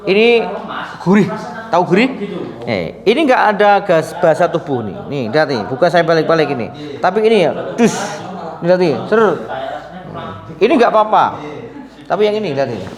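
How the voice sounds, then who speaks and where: Teasing masseur over crowd chatter. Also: male voice, fairly high pitch, big pitch swings, fairly quick. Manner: teasing, laughing, quizzes the patient. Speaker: sports injury masseur. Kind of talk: treatment demo with talk to camera.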